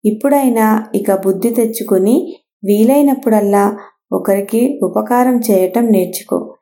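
A woman's voice: medium pitch, a little slow, warm tone, close to an everyday voice. A woman voicing the wind in a children's story, a wise spirit that begs for help and later lectures about kindness. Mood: lecturing. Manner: lecturing, moralizing.

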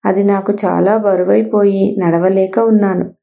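Lady doing a tired little stream begging for help, slow and mellow. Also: medium pitch, little pitch movement, vocal fry. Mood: pleading. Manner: pleading, slow.

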